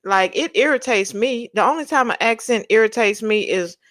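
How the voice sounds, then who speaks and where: Pitched on the high side and fairly bright, the voice of this young woman from Texas, accent tinged with Louisiana, moves at a moderate pace in a dry, studio-quality recording. She's livestreaming, bantering bluntly and sassily with viewers through laughing, slangy storytelling.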